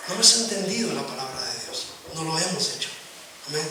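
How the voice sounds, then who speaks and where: High-voiced pastor in echoey hall. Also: male voice, animated, brisk, far from the mic, a loud crowd. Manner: preaches with frequent rhetorical questions to the congregation. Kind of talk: sermon. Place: church hall.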